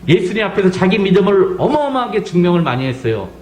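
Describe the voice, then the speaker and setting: A man's voice: high-pitched, very animated, quick pace, darkish tone. A middle-aged man from South Korea preaching a sermon as pastor, acting out quotes and asking the congregation pointed questions. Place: church sanctuary. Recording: echoey church sanctuary.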